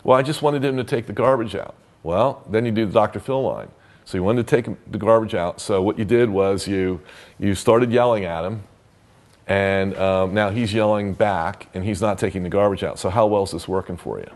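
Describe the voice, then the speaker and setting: A man explains therapy methods in a relaxed, off-the-cuff teaching style. His voice sits on the lower side, and he keeps circling back with fillers and restarts as he works out his point. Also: normal speed. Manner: conversational, loose, full of fillers and restarts. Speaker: therapy trainer. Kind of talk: casual teaching talk.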